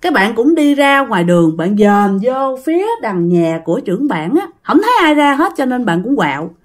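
A woman telling a ghost story in a casual, lively way, acting out the voices she quotes. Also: a little high, moderate pace.

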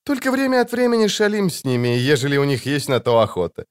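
The sneer of a young bandit who mocks everyone he corners, pitched high and swinging wildly up and down, as a male narrator puts him on. His taunts slide up in a lively, jeering lilt. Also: a little fast.

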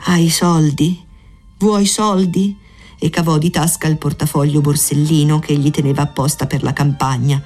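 A reader narrating a literary story aloud at a measured, even pace. The voice sits at a middling pitch, with faint music playing softly underneath. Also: breathy edge.

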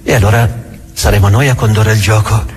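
An actor playing a bitter, accusing, imperious inquisitor in a theatrical monologue, deliberate and full of rhetorical questions. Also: male voice, lowish voice, steady tone, a little mellow, faint music behind, natural voice. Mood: cynical, insistent.

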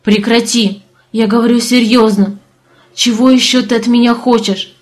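A woman voicing a hot-tempered young Earthling man in love, speaking in forceful, growling outbursts. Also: a little high, fairly even intonation, moderate pace, lightly acted. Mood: angry.

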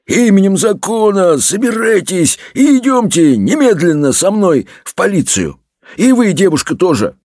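A man's voice: sits high, big pitch swings, normal speed, darkish tone, dry recording, studio quality, pitched above the performer's own voice. A man voicing a polite but stern male police officer who makes formal, officious demands.

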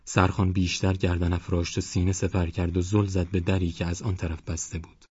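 Deep-voiced male audiobook narrator. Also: little pitch movement, a little mellow, breathy edge, dry recording, dull audio. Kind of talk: scripted literary narration.

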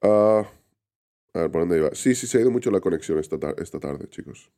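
Deep-voiced man chatting on a live stream. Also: lively intonation, fairly quick, warm tone. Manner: rambling, reads viewer names aloud, many restarts. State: unwell, recovering from illness. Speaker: livestream host reading chat. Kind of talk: casual live stream chat.

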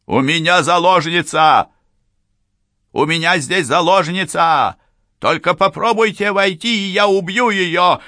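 A man voicing a desperate male killer who shouts threats. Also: sits high, a little slow, no echo, clean studio sound, voice pushed up. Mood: threatening.

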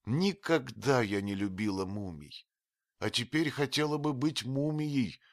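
A man reading an audiobook, voicing a very old grieving female servant who wails and scolds in a strained high voice. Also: animated, slow, a bit bright, dry recording, studio quality. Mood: lamenting. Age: older.

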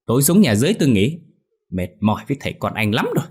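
A man voicing a hot-tempered older market woman who scolds her drunk husband in a shrill, cursing voice. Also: very animated, racing, darkish tone, breathy edge. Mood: nagging.

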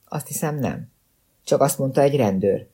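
An anxious, evasive middle-aged mother, as a male audiobook narrator reads her, hesitant and guarded in every question. The voice stays dark and husky, close to the reader's own. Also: mid-range voice, lightly acted.

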